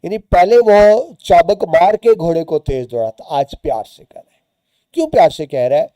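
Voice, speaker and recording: A man's voice: a little high, animated, normal speed, dark tone, dry recording. A man, teaching students by reading a short story aloud and explaining its words and lines as he goes.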